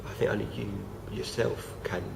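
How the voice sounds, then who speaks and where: There's a steady hiss under this home recording of a young vlogger speaking casually to camera. Unwell, he sounds low, gravelly, and croaky, and keeps hesitating, using fillers and restarting his sentences.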